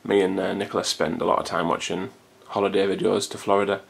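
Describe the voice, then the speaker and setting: A man's voice: sits low, little pitch movement, quick pace, creaky, a little hiss or hum. A man, chatting casually to his own camcorder at home in a rambling way. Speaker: vlogger. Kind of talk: casual chat to camera. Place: hot room at home. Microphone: camcorder built-in mic.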